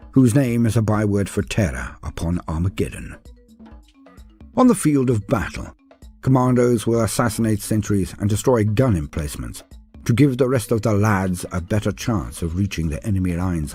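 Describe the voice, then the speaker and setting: A fairly low male voice, darkish and slightly breathy, narrates a Warhammer lore guide. The scripted fantasy war story comes across grand and theatrical, with formal address to the listener.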